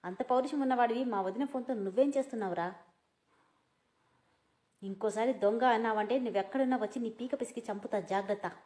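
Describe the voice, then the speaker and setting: A woman voicing a loud, quarrelsome young woman who fires off insults rapidly. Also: a little high, natural voice.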